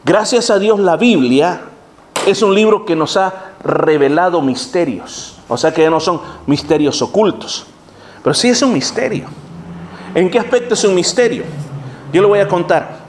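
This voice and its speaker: A man who is a pastor, giving a sermon-style Bible study to his congregation, addressing them as brethren and acting out scenes as he speaks. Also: a little high. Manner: animated preaching, acts out scenes.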